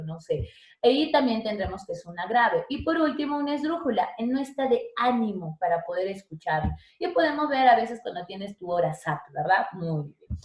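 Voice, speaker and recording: A woman's voice: mid-range voice, a little mellow. Chatty woman teaching, roomy echo. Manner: chatty, checks in with students often. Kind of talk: online language lesson.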